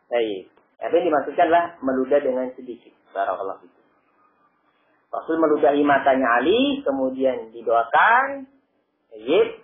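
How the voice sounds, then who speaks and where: A male preacher giving an Islamic study lecture, telling stories lively and adding frequent blessings between lines. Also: mid-range voice. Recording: lo-fi phone-like audio with faint noise.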